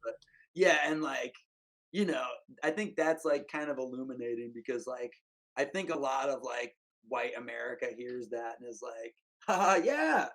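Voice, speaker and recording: A man's voice: medium pitch, steady tone, moderate pace, a bit bright. A man chatting as a podcast guest, rambling and emphatic, full of "like" and "you know". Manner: rambling, filler-heavy, emphatic. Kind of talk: casual conversation.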